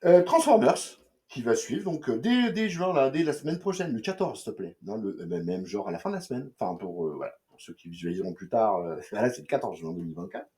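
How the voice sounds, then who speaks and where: A young man talks through comics in a loose, slangy ramble, full of fillers, restarts and jokes. His tone is mellow and soft-edged. His pitch leaps up and down animatedly. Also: very animated, fast, gravelly. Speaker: comics reviewer. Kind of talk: casual chat.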